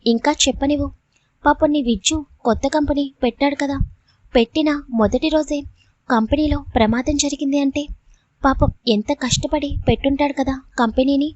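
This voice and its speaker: A woman's voice: high voice, fairly even intonation, normal speed, darkish tone, no room sound, lo-fi sound, natural voice. A woman doing a smug young male villain. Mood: taunting. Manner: taunting, threatening.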